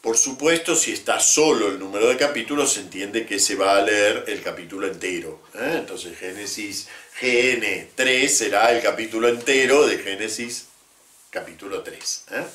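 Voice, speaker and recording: Guy w/ explaining bible stuff slowly, lots of little "eh?" checks, room echo. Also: mid-range voice, a bit bright. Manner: measured, with frequent tag questions. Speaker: Bible teacher. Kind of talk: explanatory lecture. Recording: roomy echo.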